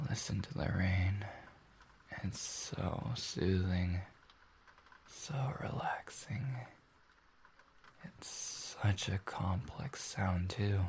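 A man playing a tender, soothing boyfriend in a whispered role-play, speaking softly, warmly and intimately, as if very close to his partner. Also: lowish voice, full character voice. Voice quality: soft, breathy whisper with creak.

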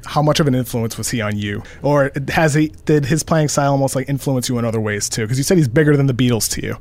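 A man's voice: medium pitch, quick pace, a little mellow. A man hosting a sports podcast, upbeat and eager as he interviews a guest in a dressing room. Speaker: podcast host.

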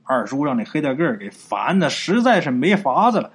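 Husky animated storyteller. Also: male voice, on the high side. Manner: colloquial, animated, drawn-out particles. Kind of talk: spoken folk ghost story narration.

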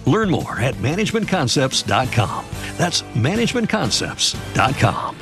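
A man reading a scripted advertisement in an upbeat, lively delivery. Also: mid-range voice, unhurried. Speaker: ad announcer. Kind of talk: scripted radio ad read. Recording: ad with background music. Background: music bed.

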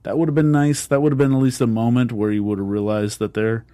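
A man co-hosting a casual TV review podcast, chatty with quick reactions and asides. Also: medium pitch, steady tone, dark tone, dry recording, clean studio sound. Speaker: podcast co-host.

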